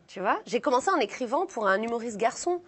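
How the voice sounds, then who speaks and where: A woman's voice: a little high, lively intonation, fast, husky. A young woman comedian from the south of France, chatting casually and self-mockingly in an interview, with lots of fillers and restarts. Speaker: comedian guest.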